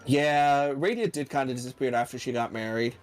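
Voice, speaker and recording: A man's voice: mid-range voice, brisk, soft background music. A man playing a video game on a friend's stream, chatting casually and telling rambling stories. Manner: rambling storyteller. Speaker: guest player. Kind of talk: casual let's-play chat.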